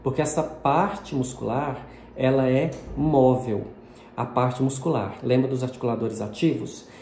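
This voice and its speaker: A man's voice: mid-range voice, steady tone, a little slow, dark tone. A man from Brazil giving a patient, explanatory video lesson on phonetics, sprinkling his speech with diminutives. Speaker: linguistics teacher. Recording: echoey room with faint noise.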